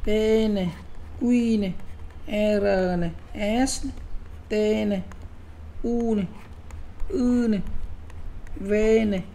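Brief: middle-aged woman, lecturer to teachers, emphatic, repeats herself, mid-pitched. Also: unhurried, pauses often, warm tone, a little hiss or hum. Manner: emphatic, repeats words, frequent "nhé" asides.

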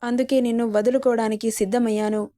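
A woman's voice: on the high side, little pitch movement, fast talker, dark tone, close to an everyday voice. A woman voicing a tearful young woman who pleads and apologizes, in a spoken love story. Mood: confessing.

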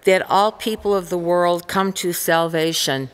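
Female lector, low voice, very slow reading, long church reverb. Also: steady tone, slight background noise. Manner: slow, careful recitation. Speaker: reader of the intercessions. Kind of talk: liturgical prayer reading. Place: large church.

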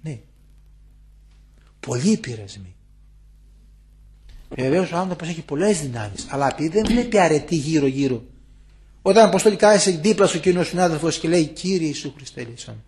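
An older man, an elder monk, giving an impassioned spiritual talk to visitors in a monastery guest room, moving from loud warnings to hushed asides. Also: a little high, expressive, long pauses.

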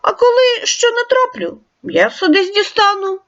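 Storybook wolf, male, hungry and proud of his freedom, read by a woman, high and lively, muffled recording. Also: normal speed, full character voice. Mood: questioning.

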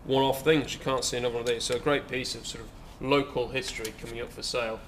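In a large indoor auction saleroom, a young man from England gives a chatty, filler-laden, hesitant walkaround preview of his sale on a camera mic. He speaks fast in a steady, medium-pitched, fairly bright tone, with slight background noise.

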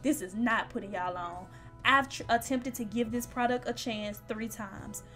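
With a slightly high, somewhat bright voice, a young woman keeps a steady tone and moderate pace while narrating her beauty vlog. She's chatty and playful, speaking straight to her audience in a casual voice-over, with faint music in the background.

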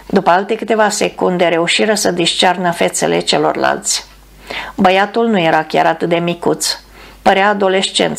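A woman reads an audiobook aloud in a calm, measured way. Her voice sits low and has a gravelly fry. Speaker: audiobook narrator. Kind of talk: audiobook narration.

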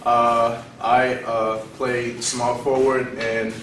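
A man's voice: mid-range voice, level tone, extremely slow, a bit bright. Young male college player, hesitant self-intro, distant camera mic, echoey hall. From Florida. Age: young adult. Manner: hesitant, filler-heavy. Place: gym hallway, indoors. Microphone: far camera mic. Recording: echoey hallway from far off, noisy.

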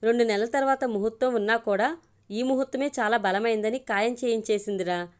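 In a storybook reading, a woman voices an anxious young groom begging his closest friend for help. She speaks a little fast in a natural, slightly high voice that stays close to her own.

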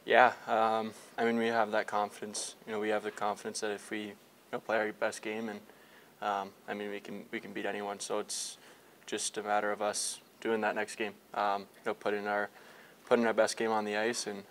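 In a rough recording with a little hiss or hum, a young male hockey player answers reporters in the locker room after a game, their handheld mics held close. His lowish, fairly bright voice is monotone and fairly quick, thick with fillers and restarts during this post-game scrum.

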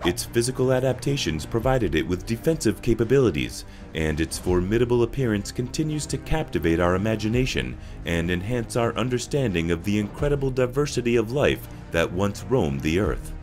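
A man reading scripted documentary narration with a dramatic, measured delivery. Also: on the low side, lively intonation, a little mellow, faint music behind.

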